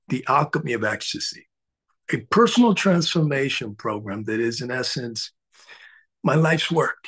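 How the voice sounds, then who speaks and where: A man's voice: fairly high pitch, breathy edge. A middle-aged man from the Dominican Republic, a spiritual coach speaking earnestly to a live audience with frequent filler sounds.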